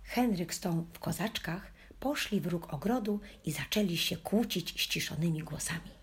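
A woman's voice: on the low side, normal speed, breathy edge. A woman reading a children's story aloud in the first person as a playful puppy, with a wry storytelling manner. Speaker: audiobook reader.

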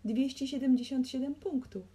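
A woman voicing a gloomy businessman who bursts out shouting animal names and scores in a high, strained voice. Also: steady tone, moderate pace, natural voice. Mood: frantic shouting.

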